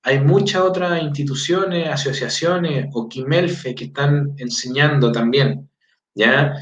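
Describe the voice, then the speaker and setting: A Chilean man, an adult with a four-year-old daughter, teaches his language in casual talk, reading out greetings and checking in with listeners through frequent "¿ya?" checks and fillers. His voice is on the high side, a bit bright, slow, and fairly even. The recording sounds roomy, distant, dull, and lo-fi.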